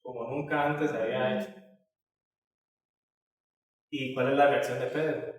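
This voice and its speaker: A man's voice: mid-range voice, fairly even intonation, measured pace. A man teaching a Bible study lesson in a conversational way, with many filler tags and restarts. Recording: echoey hall from far off.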